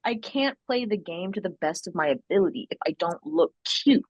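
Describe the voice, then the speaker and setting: A woman's voice: fairly low pitch, lively intonation, normal speed, dry recording, dull audio. A woman guest in a casual podcast chat, talking playfully and rambling with frequent laughter.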